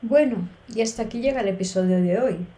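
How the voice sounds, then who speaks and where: A woman podcast host from Spain teaching Spanish expressions, speaking slowly and clearly with playful, varied intonation. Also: mid-range voice, dark tone, roomy sound. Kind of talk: podcast lesson.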